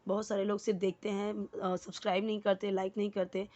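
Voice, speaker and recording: A woman's voice: mid-range voice, level tone, fast talker, darkish tone. A woman teaching spoken English, explaining word by word and repeating words for practice.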